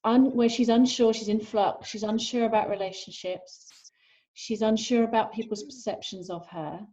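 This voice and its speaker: A woman therapist gently asking her client guiding questions during a session. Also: a little high, fairly even intonation, moderate pace, dull audio.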